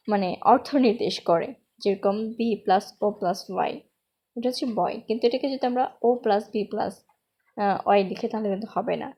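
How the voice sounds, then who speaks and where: Female grammar tutor, slightly high and husky, explains patiently and drills each example slowly. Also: dark tone. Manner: explains step by step, slows down to spell out English examples. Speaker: English grammar teacher. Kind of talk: spoken grammar lesson.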